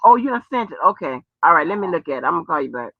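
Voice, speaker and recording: In a lowish, sing-song voice, an American woman races along, with a little hiss or hum on the dull lo-fi recording. She hosts a casual, rambling chat to viewers and on the phone, swearing, stretching her exclamations and using folksy nicknames.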